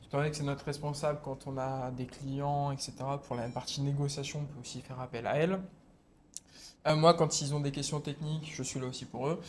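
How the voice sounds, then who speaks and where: A man describes his job as a kitchen seller in a showroom, his voice at a middle pitch with faint noise behind. He speaks plainly and practically, pausing with fillers now and then. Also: little pitch movement. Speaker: kitchen salesperson. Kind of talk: casual answers to young visitors.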